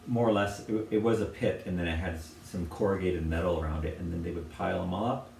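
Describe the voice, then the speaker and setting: Low-voiced, gravelly American man, casual and halting; recorded at a distance in a roomy space. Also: steady tone. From United States. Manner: hesitant, lots of fillers and restarts, soft laughs. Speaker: potter presenting objects. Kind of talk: casual conversation. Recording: roomy, distant from the mic, faint noise.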